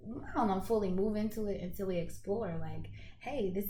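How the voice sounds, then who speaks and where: A woman's voice: medium pitch, normal speed, background noise. A woman educator, a guest on a casual podcast, telling stories with animation. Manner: animated storyteller, acts out students' voices. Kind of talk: casual book discussion. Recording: echoey room, faint ambience.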